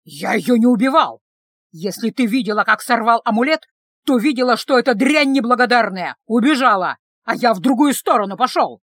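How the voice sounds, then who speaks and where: A woman voicing a hot-headed village man who yells accusations. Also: a little high, expressive, a little fast, dry recording, studio quality. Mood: angry, yelling. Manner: yelling, accusing.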